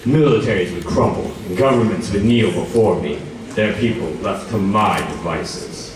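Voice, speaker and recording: A man playing a pompous dark lord, a megalomaniac military dictator who monologues in a live villain stage show. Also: lowish voice, normal speed, close to an everyday voice. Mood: grandiose, menacing. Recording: echoey hall from far off, loud noise.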